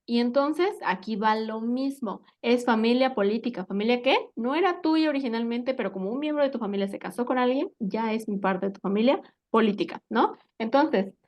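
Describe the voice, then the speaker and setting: A woman gives an English lesson in a slightly high voice. She explains each word patiently and keeps asking her students whether they follow. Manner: patient, checks understanding with frequent questions. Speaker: English teacher. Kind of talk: spoken language lesson.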